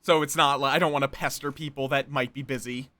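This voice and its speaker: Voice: medium pitch, steady tone, fast, bright, forceful tone. A game streamer and storyteller chatting casually with friends and viewers, playful, with little sing-song interjections. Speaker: streamer and game storyteller running an online social deduction game.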